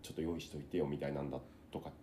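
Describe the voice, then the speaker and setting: A man co-hosting a podcast, telling a story in a casual, animated chat and asking his partner questions. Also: very deep voice, racing, reverberant, slight background noise. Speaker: podcast co-host.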